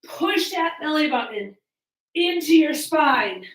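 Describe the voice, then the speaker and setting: High-voiced woman coaching a workout, echoey room. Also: lively intonation, slow pace. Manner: encouraging, calling out cues and countdowns. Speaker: fitness coach leading a home workout. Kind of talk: workout instruction with counting and cues. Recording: roomy echo, distant from mic.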